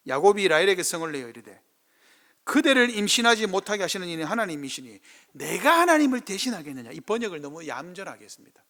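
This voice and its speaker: A man's voice: high voice, sing-song, quick pace, sharp tone. A middle-aged male pastor with a Gyeongsang Korean accent preaching a sermon, acting out quoted speech in dialect.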